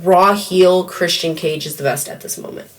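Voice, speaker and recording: A woman's voice: on the low side, steady tone, normal speed, recorded from a distance. Chatty woman hosting a wrestling podcast. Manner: chatty, exclaims "Lord" often. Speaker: podcast host. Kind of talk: casual wrestling podcast chat.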